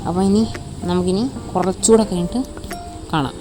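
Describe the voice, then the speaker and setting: Over music and with poor audio, a woman with a Malayali accent hosts a gaming channel, giving casual commentary that mixes Malayalam with English and treats viewers as buddies. Her pitch is fairly low and her speed normal.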